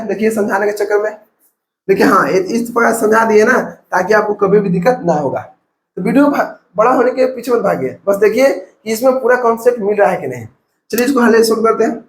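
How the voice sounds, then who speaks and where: A man's voice: sits high, a little hiss or hum. A man from India with a Bihari Hindi accent, teaching a math lesson step by step and counting numbers aloud. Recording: echoey room.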